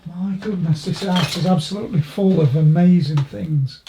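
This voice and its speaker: A woman asks informal, inquisitive questions. Her tone is very mellow and she often restarts a question tentatively. The sound is noticeably roomy and echoing. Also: lowish voice, normal speed, slight background noise. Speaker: interviewer. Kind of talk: casual conversational questioning. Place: inside the interviewee's house.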